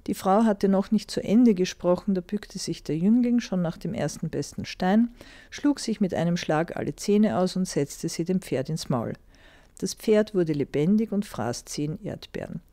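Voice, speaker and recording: A woman reading a fairy tale aloud in a calm, even storytelling manner. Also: on the low side, moderate pace, dry recording.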